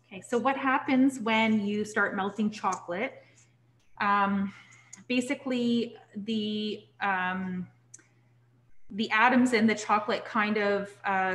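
Chatty woman teaching a cooking class. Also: medium pitch. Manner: relaxed, chatty, lots of "um" and "okay?" checks. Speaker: cooking instructor. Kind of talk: live online cooking class. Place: kitchen classroom.

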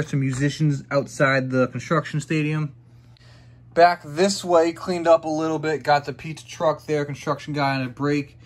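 Upbeat young man chatting through a hobby vlog. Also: mid-range voice. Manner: chatty and upbeat, thinking aloud. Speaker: YouTuber showing his toy brick city. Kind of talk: casual walkthrough vlog. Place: indoor hobby room with a tabletop model city.

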